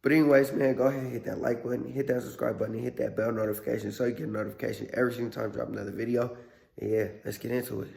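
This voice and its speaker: Speaking very fast and flatly at a medium pitch, this workshop car repair vlogger keeps things casual and slangy. His voice is hoarse and under the weather, with a slightly mellow quality.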